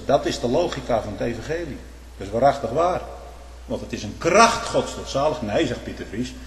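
A man preaching a fiery, denouncing sermon, swinging from quiet warnings to loud outbursts and repeating words for emphasis. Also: mid-range voice, slight background noise. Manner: tag questions like "hè?". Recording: echoey hall with long reverb.

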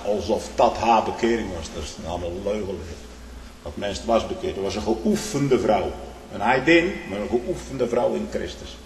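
A man preaching a fervent sermon, emphatic and full of rhetorical asides, swinging between hushed and loud. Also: fairly low pitch, creaky. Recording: echoey hall with faint background noise.

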